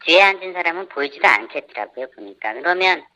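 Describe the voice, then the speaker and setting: Woman with an electronically disguised low voice. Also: animated, quick pace, bright, forceful tone, low-quality recording. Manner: indignant, lists complaints point by point. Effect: voice disguised by a pitch changer. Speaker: parent of a camp participant. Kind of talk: live radio interview guest.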